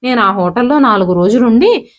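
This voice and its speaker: A proud old grandfather, stung and resentful, speaks in this spoken storybook. His lines stay plain and unforced, read by a woman narrator with a slightly high voice. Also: expressive, brisk, lightly acted. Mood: hurt. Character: elderly grandfather, hurt and proud.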